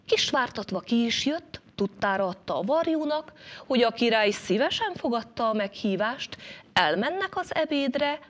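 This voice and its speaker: Woman telling a lively folk tale. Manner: lively, shifting pitch and loudness with the action. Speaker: storyteller.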